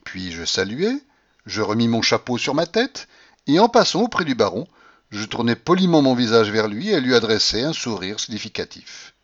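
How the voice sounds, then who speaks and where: A man reading a classic novel aloud as an audiobook, with a dramatic, expressive delivery that acts out the scenes. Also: normal speed, dull audio. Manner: dramatic, shifts pitch to act out scenes. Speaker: audiobook reader. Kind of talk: expressive literary narration.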